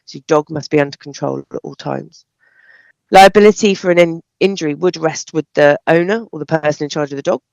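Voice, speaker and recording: Council officer: British woman, croaky and gravelly, giving a formal prepared response in a dry, close sound. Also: low voice, a little fast, darkish tone, no room sound, muffled recording. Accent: British English. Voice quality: croaky, hoarse voice. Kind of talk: formal read-out statement at a council meeting.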